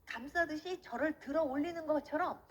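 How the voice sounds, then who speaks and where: A woman's voice: high-pitched, fairly quick. A woman giving an emotional, earnest personal faith testimony, acting out the voices in her story. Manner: vivid storyteller who acts out the quoted voices. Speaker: testimony speaker.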